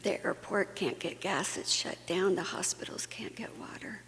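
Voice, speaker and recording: At a faith conference plenary, a Guatemalan woman speaks earnestly and conversationally, using fillers and sometimes starting over. She whispers in a lowish, fairly bright voice at a moderate pace, with long hall reverb and a faint hum in the recording.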